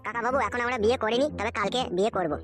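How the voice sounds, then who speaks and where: A woman's voice: on the high side, rapid-fire, close to an everyday voice. A woman voicing a lovestruck young village man who sweet-talks his sweetheart and speaks politely to elders, in a comic audio drama. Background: background music.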